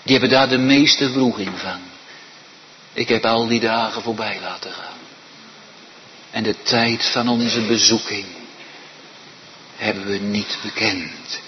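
Impassioned preacher man, slow delivery. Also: steady tone, lo-fi sound, slight background noise. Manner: impassioned preaching, swinging from loud high appeals to hushed near-whispers. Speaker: pastor. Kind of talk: sermon.

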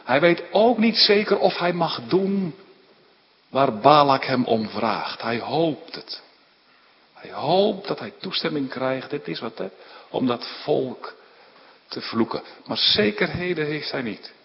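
Male preacher, lively pitch, long church reverb. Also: takes it slowly, muffled recording, slight background noise. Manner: retelling scripture with emphatic rises, frequent tag "hè". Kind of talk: sermon.

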